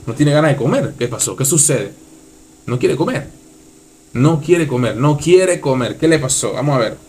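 A man with a mid-range voice reacts to a music video at a moderate pace, animated and enthusiastic, repeating short phrases in casual commentary. The song plays loudly beneath his voice.

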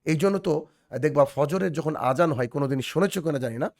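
A man's voice: fairly high pitch, fairly quick, gravelly, darkish tone. A man teaching a children's English lesson over a video call, patiently repeating phrases and checking that the class follows.

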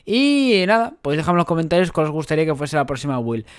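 A man's voice: fairly high pitch, sing-song, fast, clear, resonant tone. A young man from Spain with a Spanish accent, talking casually to viewers as he explains a game build and plays. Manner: chatty, addresses viewers as cracks and chavales. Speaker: gaming YouTuber. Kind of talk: casual gameplay commentary.

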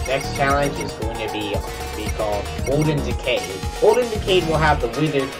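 A man's voice: mid-range voice, expressive, normal speed. A young man giving casual, chatty gameplay commentary to his viewers as a game streamer, with boastful banter. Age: young adult. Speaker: gaming streamer. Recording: distant mic under loud game music. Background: loud game music.

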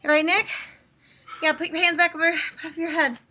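A woman's voice: very high-pitched, flat delivery, fast talker, pushed and bright, a little hiss or hum. A woman hosting a casual web vlog from her office, bubbly and playful with jokey asides. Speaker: web show host. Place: office workplace. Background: music playing in the room.

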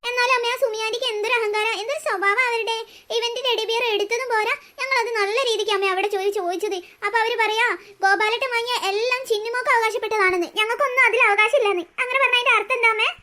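This is a clever young girl from a cartoon story who stands up for her little brother, as a woman acts her out. She sounds indignant and sharp, with a very high, bright voice. She talks fast. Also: fairly even intonation. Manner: indignant, plotting. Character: bold clever young girl, protective big sister. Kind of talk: cartoon voice acting.

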